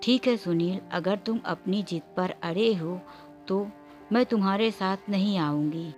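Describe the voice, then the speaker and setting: A woman's voice: mid-range voice, measured pace, soft background music, lightly acted. A woman voicing a stubborn, angry young married woman who speaks indignantly. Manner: indignant, sharp.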